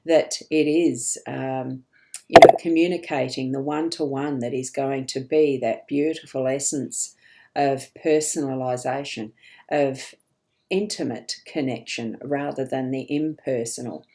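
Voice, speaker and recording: A woman's voice: extremely low pitch, steady tone, unhurried, dark tone. A woman psychic hosting a live card reading, chatty and rambling, laughing often between remarks. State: hiccups.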